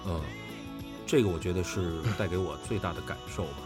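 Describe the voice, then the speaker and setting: A voice actor and drama director with a low-pitched voice speaks briskly in a casual panel chat, earnestly and emphatically explaining his views, with music playing in the background.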